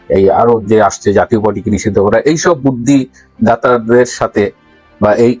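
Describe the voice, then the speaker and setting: A man's voice: mid-range voice, a little mellow, dry recording, rough recording. A man giving political news commentary, arguing point by point and posing pointed questions, with frequent hesitations.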